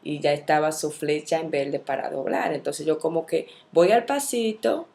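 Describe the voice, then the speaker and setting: A woman teaching a Bible study, telling a personal story in a candid, expressive way and acting out the dialogue as she goes. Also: low voice, normal speed, creaky. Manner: candid, self-reflective.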